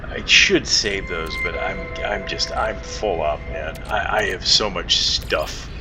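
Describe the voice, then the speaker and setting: Speaking slowly over background music and a constant loud rumble, a gaming channel host gives casual video game commentary. He thinks aloud and mumbles to himself, rambling and easily delighted, in a very noisy recording.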